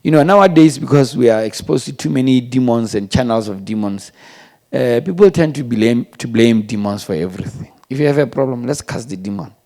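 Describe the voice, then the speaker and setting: Gravelly-voiced pastor from preaching. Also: male voice, mid-range voice, animated, brisk. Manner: emphatic, swings between loud stresses and hushed asides. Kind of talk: sermon.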